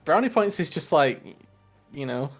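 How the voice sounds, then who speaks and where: A man's voice: on the high side, big pitch swings, normal speed, soft background music. A man giving color commentary on an esports match, explaining tactics with a dry, teasing humor. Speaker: esports caster.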